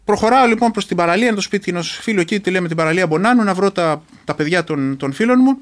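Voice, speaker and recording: An interview guest from Greece, middle-aged and once a reserve commando, tells a personal story in earnest, with halting restarts. He has a high voice and lively intonation.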